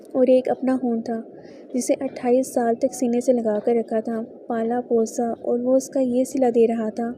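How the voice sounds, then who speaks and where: A woman narrating a novel aloud in a steady, even reading manner. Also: on the high side, slight background noise, rough recording. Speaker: audiobook narrator.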